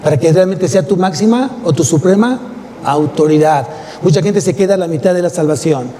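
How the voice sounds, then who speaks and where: Mexican male pastor, higher voice, mellow tone; emphatic sermon with rhetorical questions, long church reverb. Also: a little fast. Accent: Mexican Spanish. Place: church sanctuary. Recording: long church hall reverb, faint noise.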